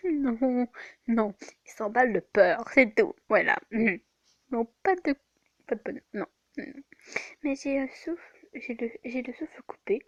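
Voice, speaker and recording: Slow-talking French woman playing a story game. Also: on the high side, dry recording, lo-fi sound. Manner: excitable, laughs often, protests with repeated "non". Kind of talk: let's play, reading choices and reacting.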